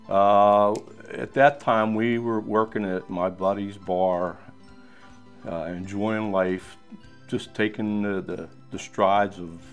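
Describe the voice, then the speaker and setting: A man in his sixties from Pennsylvania, recalling his life in a relaxed, rambling way in a documentary interview. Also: lowish voice. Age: 60s.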